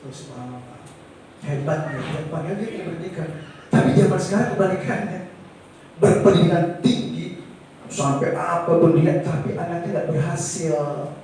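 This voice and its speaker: A middle-aged teacher giving an informal seminar talk, gentle and patient, asking his audience rhetorical questions. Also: a little high, moderate pace, slight background noise. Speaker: teacher speaking at an education seminar. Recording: echoey hall, speaker far from mic.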